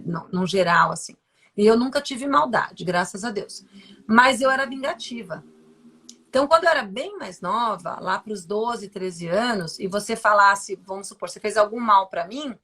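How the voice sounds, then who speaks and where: A woman's voice: mid-range voice, fairly bright tone, slightly rough. A Brazilian woman speaking candidly and emphatically about her own life as a guest on a live stream, with many fillers and repeated words. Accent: Brazilian Portuguese. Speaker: guest neuroscientist. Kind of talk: personal testimony in a live stream.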